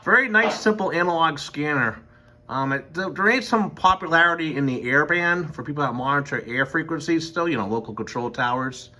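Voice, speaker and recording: Thinking aloud at home, a radio hobbyist who is also an emergency medical worker gives a casual, rambling, hesitant tour of his equipment. His voice is on the high side, brisk, bright and forceful. Faint background noise runs through this home recording.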